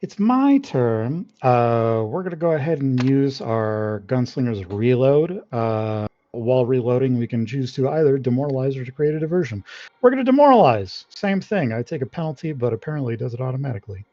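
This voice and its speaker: A man's voice: medium pitch, expressive, brisk, hardly any pauses, dull audio. A man playing a tabletop game who is boisterous, jokes around and swears casually. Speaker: player.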